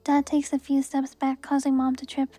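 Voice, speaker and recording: A young woman reading a book aloud in a soft, even ASMR reading voice. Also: high-pitched, moderate pace, soft background music. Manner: soft, even reading voice with brief laughs at the text.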